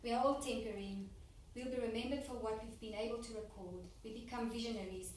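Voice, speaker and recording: A woman interpreting a formal speech, rendering it phrase by phrase in a steady, plain way with small restarts. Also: on the high side, brisk. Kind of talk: consecutive interpretation into English. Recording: echoey hall, distant mic, faint noise.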